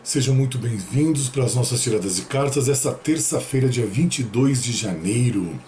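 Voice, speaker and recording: A man's voice: mid-range voice, expressive, normal speed, a little hiss or hum. A man with a Brazilian Portuguese accent giving a casual tarot reading to his viewers and addressing them in a familiar way. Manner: warm, familiar address with frequent "né?" and "tá bom?". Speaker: tarot reader.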